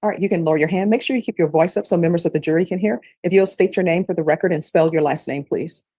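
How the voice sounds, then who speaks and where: A woman running court procedure in brisk, routine instructions, heard on a courtroom recording. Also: lowish voice, dark tone, breathy edge, dry recording. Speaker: court official.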